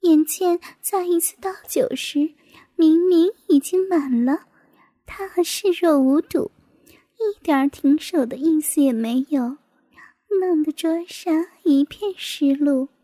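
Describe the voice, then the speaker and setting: A woman reading a martial arts novel aloud in a hushed, half-whispered narration. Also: high-pitched, slow pace, dry recording. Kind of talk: storybook narration.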